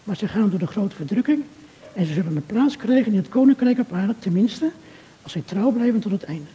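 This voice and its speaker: An older man giving an earnest, measured sermon talk, speaking directly to a churchgoer. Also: high voice, expressive, dark tone. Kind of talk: reflective sermon talk addressed to a listener. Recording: long reverb of a hall.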